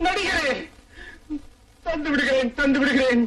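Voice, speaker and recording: A man's voice: very high voice, measured pace, a bit bright, low-quality recording. An actor playing an older man, a fallen royal who speaks in grand, archaic lines and weeps over his lost glory, in a dubbed film. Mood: grieving grandly. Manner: pompous, archaic speech. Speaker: father.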